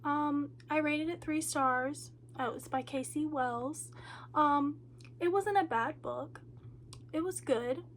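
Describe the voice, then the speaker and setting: A booktuber with a high voice speaks slowly and sounds nasal and congested from a cold, tired and low on energy. She chats casually in a reading update vlog, rambling with lots of ums and likes. A little hiss or hum sits under the audio.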